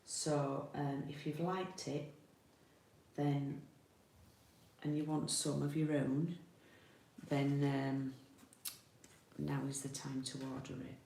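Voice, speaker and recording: With a very deep, mellow voice, she speaks slowly and flatly, her Yorkshire accent coming through amid vocal fry. She's the host and demonstrator of a chatty, informal live card-making session, musing aloud while crafting in an indoor room with a window, picked up on a distant mic that sounds roomy, with faint noise and clicks.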